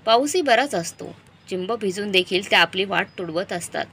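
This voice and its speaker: A woman's voice: mid-range voice, expressive, normal speed, a bit bright, breathy edge. A woman narrating a dramatic moral story, reading with emotional storytelling.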